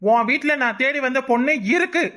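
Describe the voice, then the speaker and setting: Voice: high voice, lively intonation, brisk, pushed and bright. A voice actor playing a rich, threatening old man in a cartoon, blustering and menacing, with a Kanyakumari Tamil accent. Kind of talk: cartoon voice acting.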